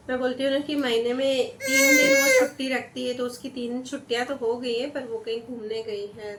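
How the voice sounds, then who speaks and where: A woman's voice: a little high, roomy sound, recorded from a distance, heavy background noise. A woman from Rajasthan, India, talking casually to camera in her home kitchen as a cooking vlogger and explaining what she does as she works. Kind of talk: casual vlog talk while cooking.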